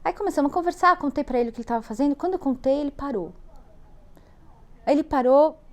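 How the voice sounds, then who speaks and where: A woman's voice: sits high, fast. A woman with a Brazilian Portuguese accent, an interview guest animatedly telling a travel anecdote with laughter. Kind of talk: storytelling anecdote.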